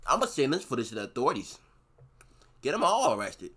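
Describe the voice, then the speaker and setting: Man putting on a folksy, scandalised gossip, low-key. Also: big pitch swings, quick pace, fairly bright tone, breathy edge. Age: young adult.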